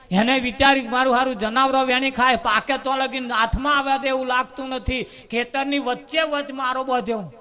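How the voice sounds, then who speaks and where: A man tells a parable at a devotional gathering in a very high, bright voice. He talks in an animated, folksy way and repeats words for rhythm. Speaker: preacher. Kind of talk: storytelling sermon at a devotional gathering.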